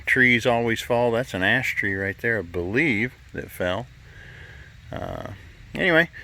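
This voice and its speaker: Pushed and bright in the middle range, the voice belongs to a middle-aged man casually narrating a walk through woods and fields for his vlog. He's easygoing and folksy, though he runs out of breath at points.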